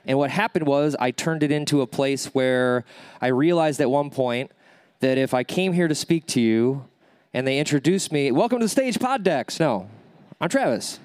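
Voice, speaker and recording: On an event stage, a workshop speaker with a nasal, mid-range voice talks at normal speed, coaching his audience and answering their questions. He's energetic and keeps checking in with "okay?" and "right?". The tone is clean and there's no echo.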